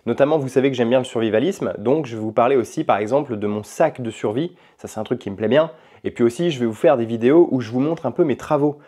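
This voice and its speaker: Relaxed man rambling, mellow voice. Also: mid-range voice, quick pace, few pauses, slightly rough. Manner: relaxed and rambling, with frequent hesitations. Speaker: language-learning vlogger and podcaster. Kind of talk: casual vlog chat. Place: at home in his apartment.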